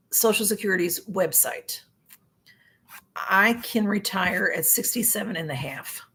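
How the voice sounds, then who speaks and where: A woman in her sixties hosts a livestream, chatting casually and reading viewer comments aloud. Her mid-range voice is slightly rough, and she rambles with lots of fillers and laughs often.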